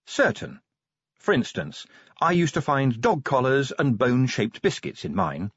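A man voicing a young woman sergeant who is a werewolf, talking bluntly and briskly in an audiobook reading. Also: medium pitch, very animated, fairly bright tone, breathy edge, no room sound, pitched above the performer's own voice, heavily acted. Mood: brusque. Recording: dry, slightly dull audiobook recording.

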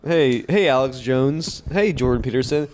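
A man's voice: medium pitch, normal speed, darkish tone, slight background noise. A man co-hosting a comedy podcast, teasing and laughing through casual banter. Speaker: podcast co-host.

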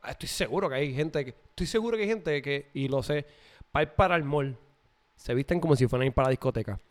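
A man's voice: fairly high pitch, lively intonation, fast talker. A young man with a Puerto Rican accent, co-hosting a casual chat and dropping English words into his Spanish. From Puerto Rico. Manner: chatty, mixes English words into his speech. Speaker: podcast co-host.

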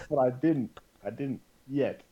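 A man as a podcast guest, telling a story casually, animated and full of "like" and quoted back-and-forth. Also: medium pitch, takes it slowly, lo-fi sound, a crowd in the background.

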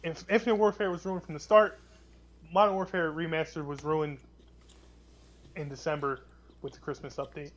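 A young man with a slightly higher voice co-hosts a casual gaming chat show. He rambles, restarts his sentences and swears freely while he talks. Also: fairly even intonation, normal speed, pauses often, dull audio. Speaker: podcast co-host.

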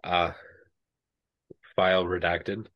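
A man running a tabletop game as game master, narrating in an unhurried way with many fillers. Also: deep voice, flat delivery, lo-fi sound.

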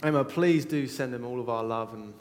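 A man's voice: mid-range voice, brisk, a little mellow, a little hiss or hum. A man leading a church service, speaking informally to the congregation in a reverberant hall.

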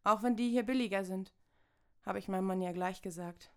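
A woman's voice: medium pitch, a little fast, a bit bright, clean tone. A woman from Saxony-Anhalt in a satirical stage monologue, prim and self-important, lecturing. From Saxony-Anhalt, Germany.

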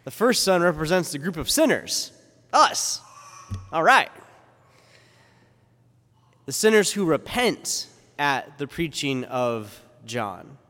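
A man's voice: on the high side, sing-song, slow pace, pauses often, a bit bright. Man preaching in a cathedral-like echo. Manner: rhetorical questions, informal asides. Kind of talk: Gospel reading and conversational homily. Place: large echoing church interior. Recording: cathedral-like echo, long hall reverb.

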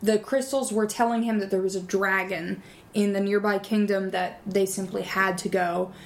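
A woman co-hosting a comedy podcast, narrating absurd made-up history in a deadpan way. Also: mid-range voice, normal speed, creaky, a little hiss or hum. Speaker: podcast co-host. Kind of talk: improvised comedy storytelling.

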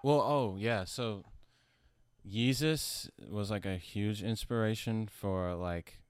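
A man who sounds high, talking casually about his music in a rambling, slangy, profane stoner manner. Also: takes it slowly, clean tone, dry recording. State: high from smoking. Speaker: musician being interviewed about own album. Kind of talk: casual chat.

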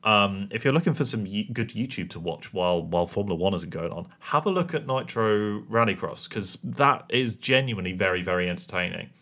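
A man's voice: fairly low pitch, lively intonation, brisk, few pauses, pushed and bright. A man co-hosting a podcast, chatting casually and rambling through tangents with self-mocking jokes. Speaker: podcast co-host. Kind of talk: casual chat.

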